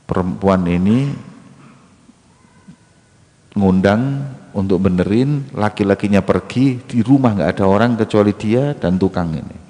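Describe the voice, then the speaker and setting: A man's voice: on the low side, a little slow, long pauses. A male preacher, telling a story in a sermon with slang and jokes. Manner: lively, mixes in local slang and jokes. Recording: long hall reverb.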